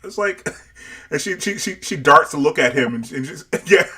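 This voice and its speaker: A man's voice: on the high side, expressive, normal speed, sharp tone, slightly rough. A man with family roots in Barbados, co-hosting a casual show review over a livestream. He talks with many restarts and repeated words. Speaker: show co-host.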